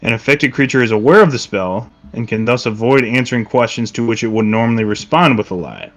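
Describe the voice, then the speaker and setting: A man's voice: medium pitch, a little fast, muffled recording. A young man running a tabletop game as game master, speaking casually and reading rules aloud.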